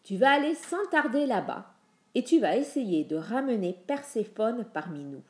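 A woman's voice: a little high, very animated, moderate pace, darkish tone, reverberant. A woman voicing a worried, commanding male king of the gods in a storybook.

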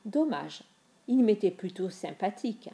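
Woman doing wry old god king, mellow tone, slow, lively pitch, storybook. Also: creaky. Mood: thundering. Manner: wry, amused and authoritative. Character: old male king of the gods, wry and mighty.

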